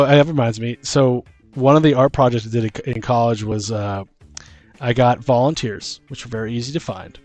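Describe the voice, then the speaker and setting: A man with a medium-pitched, slightly mellow voice co-hosts a podcast. His casual chat is rambling and jokey, and he acts out little bits of dialogue along the way.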